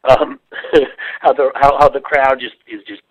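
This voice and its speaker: A man appearing as a guest on a political talk show who speaks heatedly and haltingly, repeating words before he lands his point. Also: medium pitch, level tone, dry recording. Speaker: guest commentator. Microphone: phone line. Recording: tinny phone line.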